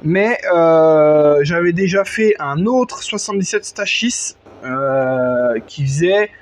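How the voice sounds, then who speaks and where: High-voiced chatty French workshop vlogger. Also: male voice, lively intonation, slow pace. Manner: chatty, many fillers, slangy, talks to the viewer. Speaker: moped tuning vlogger. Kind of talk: casual workshop vlog. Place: outdoors under a gazebo in front of his house.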